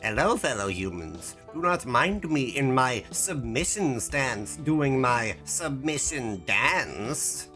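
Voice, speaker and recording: A woman's voice: rumbling low, sing-song, slow, few pauses, fairly bright tone, faint music behind, pitched below the performer's own voice, full character voice. A woman voicing an alien shopkeeper who fakes being human, speaking in a stilted, overly formal way with musing hums. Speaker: streamer playing a shop game.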